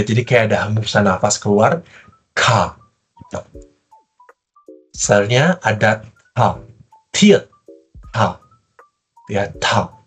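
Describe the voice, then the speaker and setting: Husky-voiced man teaching pronunciation. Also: on the low side. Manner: patient, demonstrates sounds slowly, casual fillers. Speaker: Korean language teacher. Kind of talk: online language lesson.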